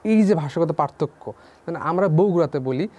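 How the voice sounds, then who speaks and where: Young male tutor with a somewhat high voice for a drill-style online lesson. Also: expressive, normal speed, dark tone, highs cut off. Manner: repeats key figures as questions to students. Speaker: teacher. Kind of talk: online class lecture.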